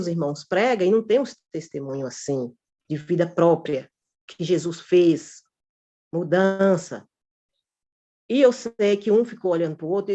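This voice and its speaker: A woman's voice: fairly low pitch, darkish tone. A woman telling a church group about a recent experience, talking informally and animatedly and often calling her listeners brothers and sisters. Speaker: church member giving testimony. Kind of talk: informal spoken testimony. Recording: dull lo-fi recording.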